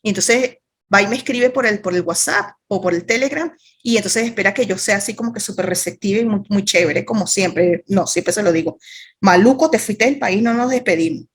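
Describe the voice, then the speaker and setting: A Venezuelan woman with a slightly husky, breathy voice leads an online writing class over a video call. She talks in a loose, chatty way and keeps dropping playful asides to her students. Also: medium pitch, brisk. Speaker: creative writing teacher. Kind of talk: online workshop teaching.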